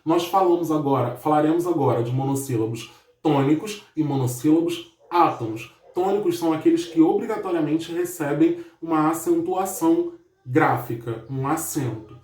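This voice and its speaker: A man's voice: on the high side, darkish tone. Echoey Brazilian man teaching grammar. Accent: Brazilian Portuguese. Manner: explains step by step, often checks with "ok?"; drawls out example words slowly. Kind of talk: recorded grammar lesson. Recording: echoey room.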